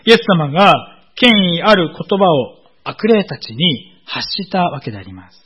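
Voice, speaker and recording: Husky-voiced man preaching a sermon. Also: on the high side, big pitch swings, fairly bright tone, low-quality recording. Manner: measured, explanatory, with frequent filler "well". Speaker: pastor.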